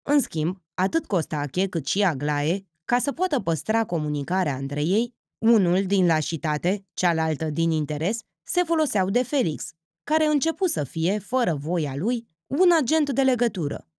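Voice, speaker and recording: A woman narrating an audiobook with expressive, character-driven reading. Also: on the low side, dry recording, clean studio sound. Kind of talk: scripted literary narration.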